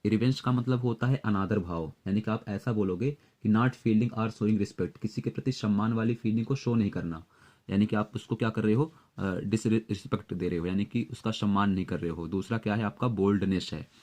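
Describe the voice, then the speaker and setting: A man teaching exam vocabulary, explaining words and memory tricks at a steady pace with frequent fillers. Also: fairly low pitch, moderate pace. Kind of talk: Hindi-English vocabulary lesson with memory tricks.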